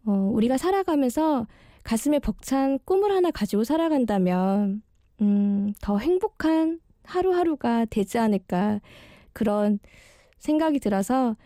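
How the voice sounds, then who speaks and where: Soft, mellow young woman speaking through braces. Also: fairly high pitch, no room sound, clean studio sound. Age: early 30s. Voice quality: slightly slurred articulation from wearing dental braces. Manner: bashful, sincere, hesitant amateur delivery. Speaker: one-day guest radio DJ. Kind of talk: late-night radio talk, personal monologue.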